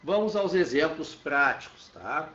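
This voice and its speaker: A man's voice: fairly high pitch, sing-song, a little slow, bright, forceful tone, distant mic. A man teaching a lesson, explaining step by step and checking in with his students. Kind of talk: classroom lecture. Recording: roomy, dull sound from off-mic.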